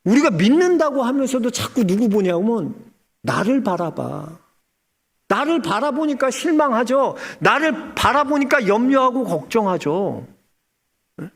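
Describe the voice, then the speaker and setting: A male pastor preaching a sermon in a conversational, animated way. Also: very high voice, a little slow, vocal fry.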